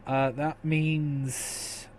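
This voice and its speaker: A man's voice: a little high, level tone, darkish tone. A man doing a flustered noble father. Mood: hesitant. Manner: hesitant, halting.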